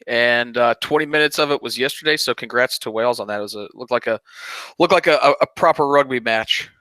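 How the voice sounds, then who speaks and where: A man from North America chatting casually as a guest on a football show, halting and easygoing. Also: medium pitch, bright, forceful tone, no room sound. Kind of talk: casual chat.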